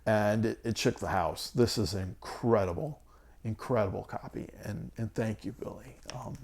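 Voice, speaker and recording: A man's voice: on the low side, moderate pace, vocal fry, darkish tone. A man in his forties talking casually to camera about his records, hesitant with many ums and restarts, losing his voice. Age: 40s. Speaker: vinyl collector vlogger.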